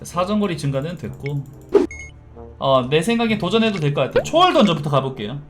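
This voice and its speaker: Korean guy streamer, lively up and down voice, chatty, music going behind him. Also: fairly high pitch, brisk. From South Korea. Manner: chatty, bursts into excited shouting during battles. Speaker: game streamer. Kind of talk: sponsored mobile game playthrough.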